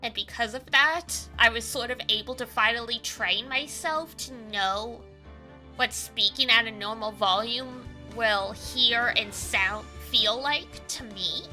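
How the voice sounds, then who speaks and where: Livestreaming a game, a Canadian woman with a cute anime-girl voice keeps up lively, casual chat. She sounds high, bright and forceful but unhurried, with faint music in the background.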